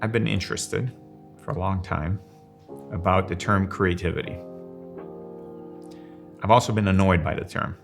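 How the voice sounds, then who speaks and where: A Finnish man in his sixties, raised in Rome, works as a strategic designer and professor of practice and speaks reflectively in an interview, thoughtfully explaining ideas and posing rhetorical questions. His voice is deep, steady, and creaky at a moderate pace with frequent pauses, heard over music.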